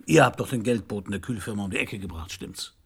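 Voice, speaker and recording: In a German radio crime play, an actor with a lowish, animated voice plays a blunt, world-weary detective with an anarchist past. He narrates and acts gruffly at a quick pace, in a heavily acted, probing manner.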